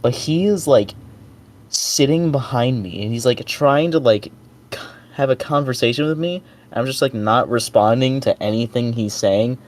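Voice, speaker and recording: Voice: mid-range voice, moderate pace, darkish tone. A podcast guest telling a heated, profane personal story in a casual chat.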